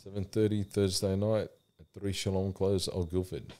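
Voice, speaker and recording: A man with a very low voice speaks casually, as if among friends. He is plain-spoken and colloquial, telling things in simple storytelling phrases. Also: flat delivery, moderate pace, dark tone. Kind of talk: casual chat and unhurried storytelling.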